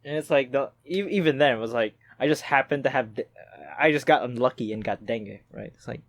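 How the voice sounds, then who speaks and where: A man's voice: medium pitch, brisk, no echo. A young man from the Philippines co-hosting a podcast, chatting casually and laughing as he swears through his stories. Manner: laughing, swearing, animated banter. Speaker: podcast co-host. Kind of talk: casual chat.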